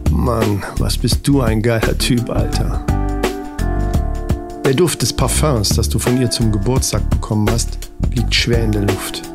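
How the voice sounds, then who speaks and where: A man's voice: medium pitch, steady tone, unhurried. A man reading a mock-dramatic comedy story to the listener, addressing them as you. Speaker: narrator. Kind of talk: scripted comedic narration. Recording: narration over music bed. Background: music.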